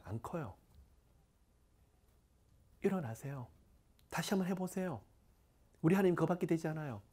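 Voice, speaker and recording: A pastor in middle age, whose voice is mid-range with a somewhat dark tone, talks through his sermon casually. He digresses often and regularly falls into a breathy whisper.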